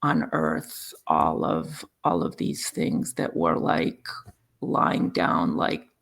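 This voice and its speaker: This gravelly, low-voiced man is a sound healing practitioner appearing as a guest and telling personal stories in conversation. He comes from Serbia and speaks Serbian as his first language, and his delivery is animated but halting, full of fillers and restarts.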